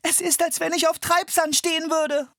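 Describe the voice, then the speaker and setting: A reader voicing a young girl caught up in an adventure, calling out in a high, strained voice. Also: level tone, moderate pace, sharp tone, dry recording, clean studio sound, exaggerated voice. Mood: panicked. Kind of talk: audiobook character voice.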